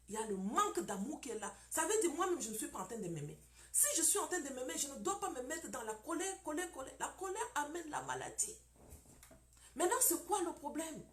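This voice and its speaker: A woman's voice: high voice, roomy sound, a little hiss or hum. A woman preaching about marriage, emphatic and repetitive, firing off rhetorical questions.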